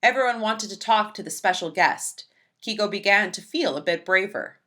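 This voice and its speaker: With a medium-pitched voice at a normal speed, a woman reads aloud from a children's picture book in a lively storyteller's manner.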